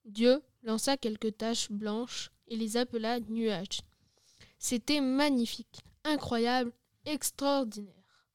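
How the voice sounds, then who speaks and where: A woman reading a storybook tale aloud as narrator, measured and careful. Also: a little high, fairly even intonation, clear, resonant tone, no echo, clean studio sound.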